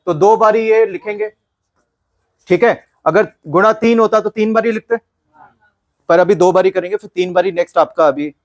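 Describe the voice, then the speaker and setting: High-voiced man teaching maths. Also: moderate pace. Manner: playful, quizzing the class, mixing Hindi and English. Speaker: maths session facilitator. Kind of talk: lively classroom teaching. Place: classroom with students.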